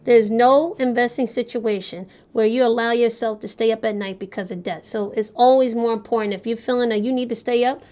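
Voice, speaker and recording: A woman's voice: a little high, fairly even intonation, a little fast, few pauses, a little mellow. A woman co-hosting a personal finance talk show, explaining points confidently and affirming her partner with frequent agreement sounds.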